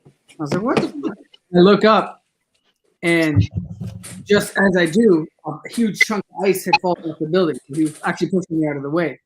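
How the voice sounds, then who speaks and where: High-voiced man on a noisy mic. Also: brisk. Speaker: podcast co-host. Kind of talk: casual chat.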